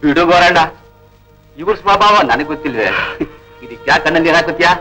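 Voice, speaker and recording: An actor playing a kind, humble young male helper in an old Indian film drama, speaking gently and consolingly. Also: fairly high pitch, lively intonation, fast, over music, lightly acted, poor audio. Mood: soothing.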